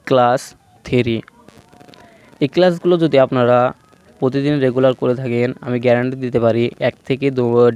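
A man teaching Quran reading, slowly naming each Arabic letter and its vowel sound. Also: mid-range voice, a little mellow, clean tone. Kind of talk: slow step-by-step recitation lesson.

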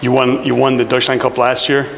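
A man's voice: mid-range voice, completely flat delivery, a little fast, creaky. A man interviewing players and coaches after a game, asking casual questions. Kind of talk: postgame questions. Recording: arena noise behind.

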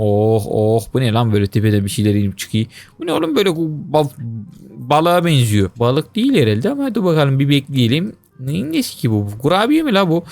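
A young man giving lively Let's Play commentary, talking to his viewers, complaining dramatically and shrieking and wailing whenever he fails. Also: a little high. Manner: excitable, shrieks and wails when he fails. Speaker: gaming YouTuber.

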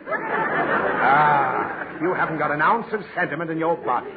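Over the sound of a loud crowd, an actor gives a full character voice as a patient but fussy, sentimental father who gets easily flustered while lecturing his naughty daughter in a 1940s radio comedy. His fairly high voice swoops wildly and has vocal fry, at a measured pace. The old radio audio is tinny with faint hiss.

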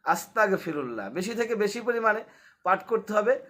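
Bright high-voiced man teaching. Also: big pitch swings, normal speed. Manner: explains with repetition and rhetorical questions. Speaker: Islamic teacher. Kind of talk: casual religious lesson.

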